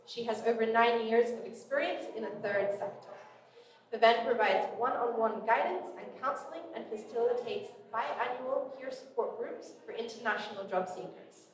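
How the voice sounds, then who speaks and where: A woman with a fairly high voice moderates a live career panel at an unhurried pace. She is picked up from a distance in a large hall, and her voice rings with heavy echo. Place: large echoey event hall. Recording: very echoey hall, voice from far off.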